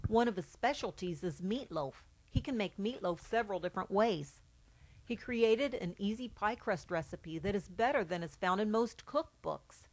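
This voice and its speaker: A middle-aged woman reads her own account aloud, a mother speaking plainly and evenly. Her pitch sits in the ordinary middle range for a woman, and she keeps a calm, matter-of-fact delivery. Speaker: mother of a child with albinism. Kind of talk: read-aloud personal account.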